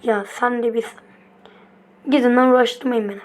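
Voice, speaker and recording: A voice play-acting a fight scene in a casual, rough, taunting way, trading quick lines back and forth. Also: mid-range voice, fairly even intonation. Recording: noisy amateur home recording.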